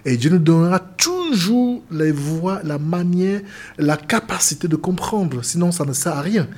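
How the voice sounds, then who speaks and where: This Cameroonian seamen's chaplain and pastor speaks as an interview guest in a high-pitched, darkish voice with lively intonation at a measured pace. He is earnest and repetitive, often stumbling and restarting his phrases.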